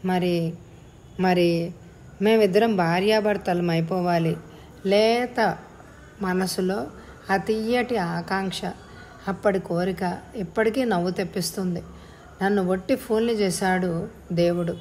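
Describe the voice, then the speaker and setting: A woman narrating a first-person story as an audiobook reader, in a measured, reflective way. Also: lowish voice, darkish tone, a little hiss or hum.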